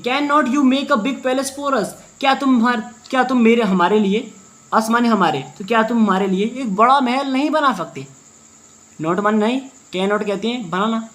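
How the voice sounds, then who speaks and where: Fast-talking male teacher drilling words. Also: sits high, fairly bright tone. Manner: answers his own questions, repeats "okay" often. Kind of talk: word-by-word translation lesson.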